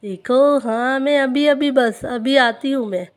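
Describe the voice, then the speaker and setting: A woman's voice: high-pitched, measured pace. A woman voicing a cheerful, hardworking young village girl doll who explains things patiently. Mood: busy. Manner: busy, reassuring.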